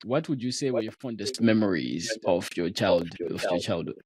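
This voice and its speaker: A man hosting a podcast in a conversational, halting way, pausing often as he introduces and questions. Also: lowish voice, expressive, a crowd in the background. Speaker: podcast host.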